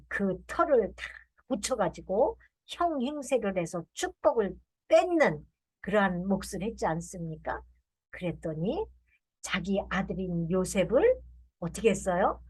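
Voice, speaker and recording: A woman preaching a sermon, telling folksy stories with acted-out voices and slowly drawn-out refrains. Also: mid-range voice, slightly rough. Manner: animated storytelling, acts out quoted lines.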